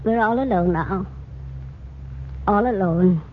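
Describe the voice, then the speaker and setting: An actress playing a frail old grandmother in a radio drama, speaking slowly with a quavering, tender voice. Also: medium pitch, noisy background, natural voice. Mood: fearful. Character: frail old grandmother, fearful then gently soothing. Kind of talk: 1940s radio acting. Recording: muffled old radio recording.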